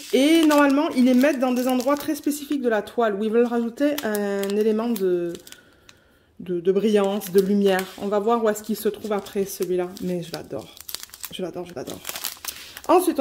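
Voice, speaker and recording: A woman vlogging an unboxing in a quick, chatty way, reading out color numbers at home. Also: on the high side, darkish tone, slight background noise. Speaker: diamond painting vlogger. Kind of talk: casual unboxing chat.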